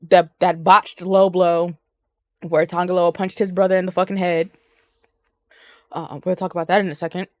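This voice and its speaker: A woman's voice: fairly low pitch, level tone, normal speed, pauses often, a little mellow, no echo, clean studio sound. A woman co-hosting a podcast, chatting casually about wrestling with lots of ums and swearing. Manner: rambling, profane, frequent ums. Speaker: podcast co-host.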